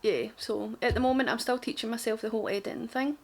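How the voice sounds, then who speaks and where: A young beauty vlogger with a broad, strong Glaswegian Scottish accent rambles casually to camera through an informal makeup tutorial, poking fun at herself. Her voice is a little high and a little mellow, gravelly, steady in tone and quick.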